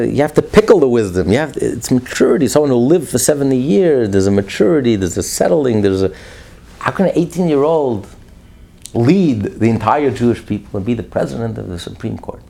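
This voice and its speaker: A man preaching a sermon as a rabbi, emphatic, swinging between loud declarations and hushed asides. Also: mid-range voice, lively intonation, brisk, creaky.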